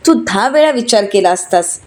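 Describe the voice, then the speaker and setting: A woman's voice: mid-range voice, animated, normal speed, a little mellow, natural voice. A woman narrator reading the lines of an angry young wife who scolds indignantly.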